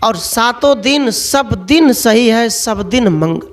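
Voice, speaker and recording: A man's voice: very high voice, animated, takes it slowly. A man preaching a sermon, telling stories and firing off rhetorical questions. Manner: storytelling, full of rhetorical questions.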